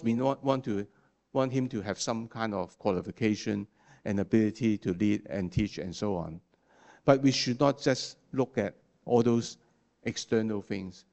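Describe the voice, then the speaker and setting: In this sermon, a man whose native language isn't English speaks haltingly, often restarting and filling gaps, and habitually wraps up points with "okay?". He has a mid-range, somewhat dark voice.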